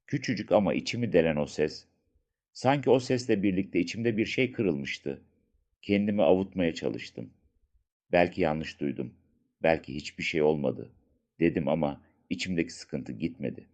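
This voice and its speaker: Very deep-voiced man narrating a story. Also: warm tone. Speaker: audiobook narrator. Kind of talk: scripted first-person story narration.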